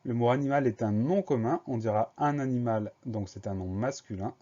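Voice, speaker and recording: A man teaching a spelling lesson for young schoolchildren, going slowly and spelling each word letter by letter. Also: mid-range voice, dark tone, lo-fi sound. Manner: slow, spells words letter by letter.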